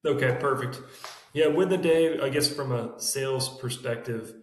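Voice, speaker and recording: A man's voice: mid-range voice, a little hiss or hum. Man in an echoey empty room. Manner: talks fast in long run-on thoughts. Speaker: sales team member. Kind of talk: casual team podcast chat. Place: room emptied out with bare walls.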